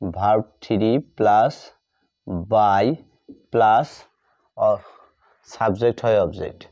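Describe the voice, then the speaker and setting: Very slowly, in a fairly low, darkish voice with a steady tone, a man with a Bengali accent explains grammar while writing examples. He goes over phrases more than once and spells words aloud. The dull, lo-fi recording has no echo.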